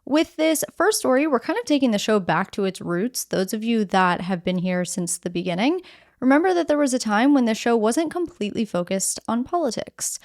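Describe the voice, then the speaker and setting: A woman's voice: on the high side, sing-song, moderate pace, darkish tone. A woman hosting a news podcast, explaining the day's stories in a conversational, direct way and walking through them step by step.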